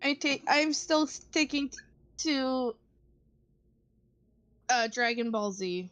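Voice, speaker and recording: High-voiced, unhurried woman player. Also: expressive, fairly bright tone, clean tone, dull audio. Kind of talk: casual tabletop game chat.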